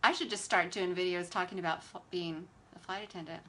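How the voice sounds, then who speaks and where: A woman's voice: lowish voice, fairly even intonation, a little fast, background noise. A woman, chatting animatedly and with exasperated sass while hosting a beauty livestream. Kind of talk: casual livestream chat while doing makeup.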